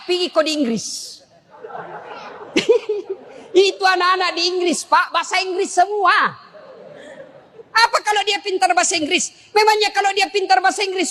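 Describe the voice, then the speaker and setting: Animated male preacher in an echoey hall. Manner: animated, jumps between high and low voices, rhetorical questions. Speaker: Islamic preacher. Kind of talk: humorous sermon to a congregation.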